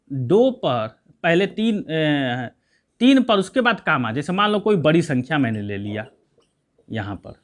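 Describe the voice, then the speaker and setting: A man's voice: sits high, pushed and bright. A man teaching a math lesson, asking questions and answering them himself, counting aloud step by step. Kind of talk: classroom lesson.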